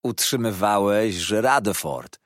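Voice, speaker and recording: A man voicing a cheerful young fisherman who talks in loud exclamations. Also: fairly low pitch, expressive, slow pace, dry recording, clean studio sound. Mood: jolly.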